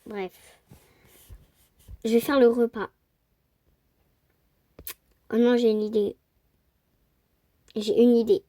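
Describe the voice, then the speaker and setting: A woman from France chatting excitedly while playing a role-play game, squealing over cute things. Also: a little high, takes it slowly, long pauses, no echo. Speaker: gaming YouTuber. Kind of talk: casual gameplay commentary.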